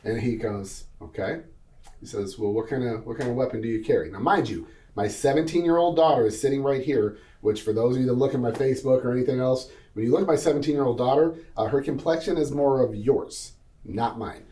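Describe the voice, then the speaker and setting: A man's voice: medium pitch, a little fast, dark tone, far from the mic. An earnest man, a panel guest, tells a personal story with vivid detail and acts out both sides of a conversation. His voice sounds roomy and set back from the mic, as if picked up from across a room.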